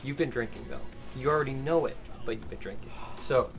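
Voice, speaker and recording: A man's voice: medium pitch, fairly quick, faint music behind. A young man chatting casually over drinks, patiently explaining things step by step. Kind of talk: casual chat while drinking.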